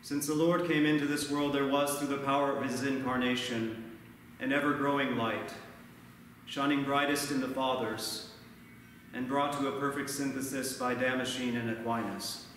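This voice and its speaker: A man in his thirties, a priest giving a measured, earnest sermon at a lectern, recorded from far off in a large church. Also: mid-range voice, steady tone, fairly bright tone, heavy reverb, in a large hall, slight background noise. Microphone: far camera, no mic seen.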